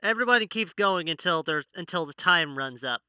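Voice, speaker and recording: A man's voice: on the high side, lively intonation, a little fast, pushed and bright, smooth, dry recording. A man narrating a tabletop role-playing game as its playful game master.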